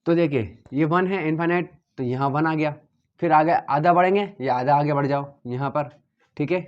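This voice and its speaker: A man's voice: fairly high pitch, moderate pace, highs cut off. A man teaching a physics lesson, explaining step by step at a board and checking often that his students follow. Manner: steady and repetitive, checking understanding often.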